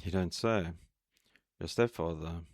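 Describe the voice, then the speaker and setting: A man voicing a terse, mysterious male hunter who talks in a low, muttering way. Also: a little slow, no echo, studio quality. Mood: gruff, curt.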